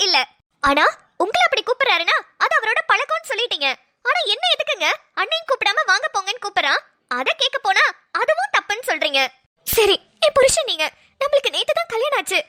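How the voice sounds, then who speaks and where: A woman's voice: extremely high pitch, pushed and bright, no room sound, clean studio sound, full character voice. A woman voicing a young newlywed wife in a cartoon, pleading and tearful as she complains about her husband's family. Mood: aggrieved. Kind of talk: Tamil cartoon drama voice acting.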